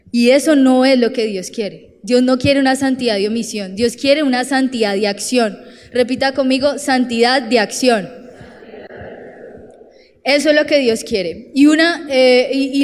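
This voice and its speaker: A young woman with a Colombian accent preaching a sermon, animated and direct, acting out the voices she quotes. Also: fairly high pitch, big-room sound. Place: church.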